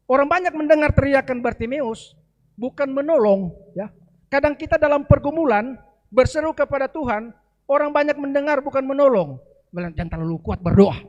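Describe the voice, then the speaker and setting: A middle-aged man preaching a sermon in a conversational way, often adding a quick "ya" between phrases. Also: very high-pitched, lo-fi sound. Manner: conversational preaching with frequent "ya" asides. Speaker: pastor.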